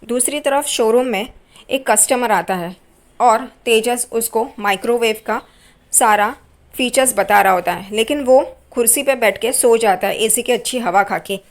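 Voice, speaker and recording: A woman retells a TV serial episode as a running story. Her voice sits a little high, and she lifts her energy when voicing the characters' lines. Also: normal speed.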